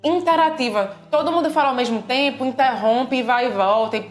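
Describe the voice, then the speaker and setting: Brazilian woman, patient lively explainer, echoey room. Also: high voice, fairly quick. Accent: Brazilian Portuguese. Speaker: language teacher and co-host. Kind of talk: casual explanatory video lesson. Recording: echoey room with faint music.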